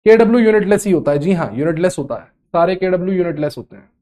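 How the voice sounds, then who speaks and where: High-voiced man teaching chemistry. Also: expressive, racing, mellow. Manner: scolding, teasing, repeats phrases. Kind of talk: online lecture.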